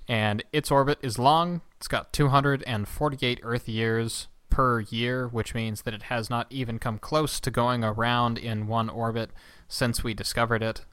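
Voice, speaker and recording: A man's voice: medium pitch, steady tone, unhurried, few pauses, fairly bright tone, smooth, no echo. A man co-hosting a casual podcast, explaining astronomy in a chatty, rambling way with asides. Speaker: podcast co-host. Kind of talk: casual chat.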